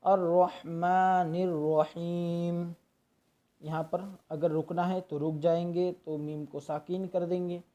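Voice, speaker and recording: A man giving a patient, step-by-step lesson on Quran recitation, stopping often to demonstrate drawn-out chanted verses. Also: on the high side, little pitch movement, warm tone. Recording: dull lo-fi recording.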